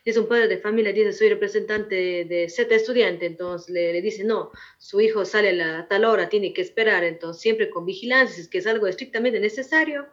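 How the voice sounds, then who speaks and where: A woman's voice: mid-range voice, a little fast, few pauses. A woman in her forties, a veteran teacher, answering interview questions in a firm, repetitive, explaining manner. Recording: muffled lo-fi recording.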